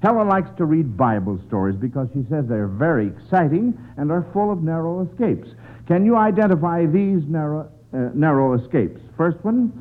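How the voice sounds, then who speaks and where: High-voiced old-time American radio quizmaster. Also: male voice. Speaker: quiz show host. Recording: tinny band-limited old radio recording.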